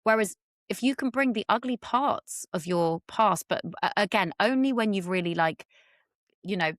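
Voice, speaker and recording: Recorded with studio quality and no room sound, a medium-pitched woman speaks at a moderate pace with lively intonation. She's a middle-aged relationship expert from Britain, a podcast guest in a candid conversational interview, who swears freely and acts out quotes by raising her voice.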